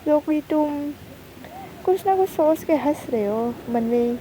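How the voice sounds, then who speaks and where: A woman's voice: sits high, animated, unhurried, crowd noise, low-quality recording. A woman voicing a nosy young college girl teasing her friend. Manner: teasing, prying.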